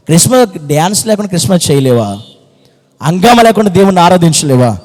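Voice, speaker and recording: A man's voice: high-pitched, darkish tone, in a large hall. A man preaching a fervent sermon as pastor, repeating phrases and firing rhetorical questions. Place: church hall.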